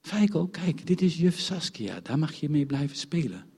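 Guy putting on a chill mom calming her kid down, husky voice. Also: on the high side, moderate pace, exaggerated voice. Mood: soothing. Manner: soothing, brushing off complaints. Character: calm reassuring mother of a toddler.

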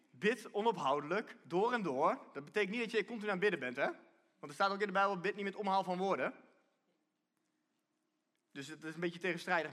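A man's voice: sits high, pushed and bright. A man giving a conversational sermon from a church stage, often restarting and repeating himself as he explains. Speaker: preacher.

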